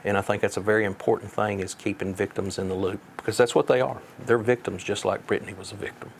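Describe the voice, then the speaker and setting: A man speaking as a sheriff in an interview, giving measured answers in a plain-spoken, folksy way. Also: lowish voice, steady tone, gravelly, a little hiss or hum.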